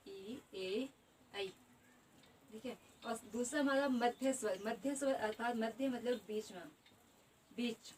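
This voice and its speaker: A woman's voice: fairly high pitch, far from the mic, slight background noise, rough recording. A woman teaching an exam-prep grammar lesson, explaining each term twice and repeating definitions.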